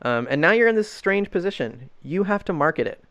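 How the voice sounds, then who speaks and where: A man hosting a casual podcast, easygoing and measured, with frequent ums. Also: sits high, big pitch swings, a bit bright, dull audio. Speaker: podcast host.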